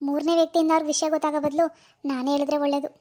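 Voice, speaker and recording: A woman's voice: sits high, level tone, rapid-fire, mellow. A woman voicing a worried young village wife in a cartoon, fretting aloud to herself. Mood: anxious. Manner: anxious, fretting, talking to herself. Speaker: cartoon narrator voicing all figures.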